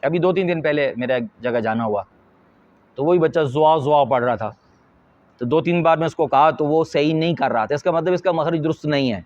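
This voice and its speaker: Man, Quran teacher, earnest explanatory tone, slightly high pitch, dull lo-fi audio. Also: a little mellow. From Pakistan. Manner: earnest, explanatory, with slow deliberate emphasis. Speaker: Quran teacher and madrasa supervisor. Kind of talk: instructional talk to teachers.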